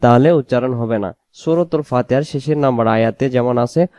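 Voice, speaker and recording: A man from Bangladesh, speaking Bengali with a Bangladeshi accent, teaches how to pronounce Arabic letters for Quran recitation, slowly repeating each sound. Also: mid-range voice, mellow, no echo, clean studio sound. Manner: slow, repetitive drilling of letter sounds; sometimes sings out the letters. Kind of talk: spoken tutorial on Arabic letter pronunciation.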